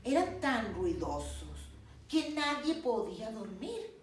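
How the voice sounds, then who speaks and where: A woman slowly reading a picture book aloud to children, acting out the animal sounds. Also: a little high, very animated. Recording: distant mic, very echoey room, faint noise.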